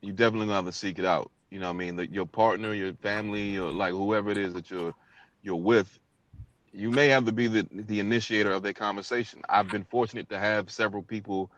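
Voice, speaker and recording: A man speaks as a guest, reflective and conversational, in a lowish voice. The sound is dull and lo-fi, dry with no room echo. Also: fairly even intonation, fast. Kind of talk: podcast discussion. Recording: dull lo-fi audio.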